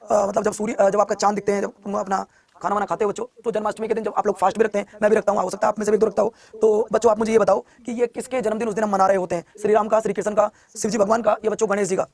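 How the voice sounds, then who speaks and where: A male online exam coach running a live class, firing questions at students, repeating each one and pushing them to answer quickly. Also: high voice, flat delivery.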